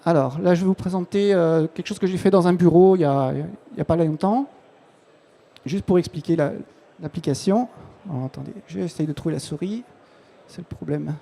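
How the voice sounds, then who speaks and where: A man's voice: on the high side, moderate pace, creaky, mellow. Man giving a casual trade-show talk. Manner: informal, many restarts and fillers. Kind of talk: live conference presentation.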